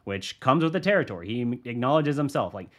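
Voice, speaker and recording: A man's voice: mid-range voice, expressive, quick pace, fairly bright tone. A man hosting a sports podcast, talking through his views casually and thinking aloud, with frequent restarts. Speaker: podcast host, sports journalist. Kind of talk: solo sports podcast commentary.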